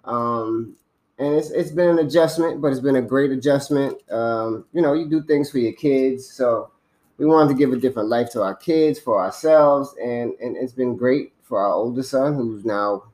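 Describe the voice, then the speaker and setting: A middle-aged man from the Bronx, his voice sitting at an ordinary middle pitch. He chats casually as a co-host, dropping teasing jokes along the way. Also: normal speed, darkish tone. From the Bronx, New York. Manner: joking, teasing. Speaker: podcast co-host. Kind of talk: casual chat.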